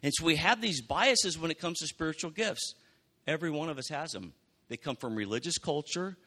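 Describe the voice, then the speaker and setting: Man, pastor, conversational sermon, animated, bright tone. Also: a little high, fairly quick. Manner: conversational, animated preaching with acted-out quotes.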